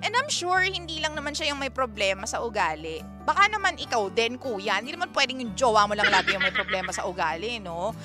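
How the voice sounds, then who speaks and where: A woman's voice: a little high, very animated, brisk. A Filipino woman radio DJ giving chatty relationship advice and reading listener messages, mixing Tagalog and English. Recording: radio broadcast with faint music behind.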